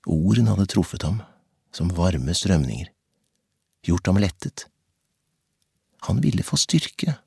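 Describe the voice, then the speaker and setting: A man narrating a novel as an audiobook in a measured, intense storytelling manner. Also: low-pitched, very animated, vocal fry, a little mellow, husky, no echo.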